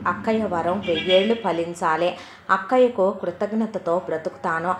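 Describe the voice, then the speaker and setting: Woman playing a hopeful young woman, soft earnest monologue, echoey. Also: fairly low pitch, a little hiss or hum, natural voice.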